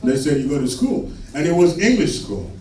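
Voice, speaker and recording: A man from Sudan with a Sudanese accent doing a stand-up comedy set on a club stage, delivering his punchlines slowly and deadpan. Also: on the high side, far from the mic. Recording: echoey club recorded from afar with laughing crowd. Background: audience laughter.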